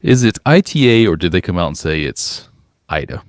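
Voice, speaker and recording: A man's voice: low-pitched, very animated, a little fast, no echo, clean studio sound. A man hosting a podcast, asking questions in a playful, joking manner. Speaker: podcast host. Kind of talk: podcast interview.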